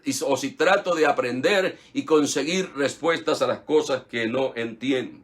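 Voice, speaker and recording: A man's voice: a little high, fairly bright tone. A male pastor preaching a sermon, with rhetorical questions and repeated phrases.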